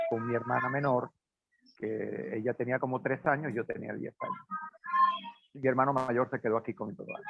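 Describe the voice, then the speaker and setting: A man's voice: medium pitch, creaky, no room sound. A man from Portugal raised in Venezuela, telling a personal story in a hesitant conversational way with many fillers. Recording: dry, phone-like band.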